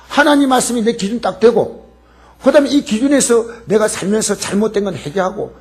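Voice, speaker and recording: A man preaches a Sunday sermon in a church sanctuary. His voice sits high and swings widely in pitch. He talks emphatically and has the congregation repeat lines after him. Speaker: pastor.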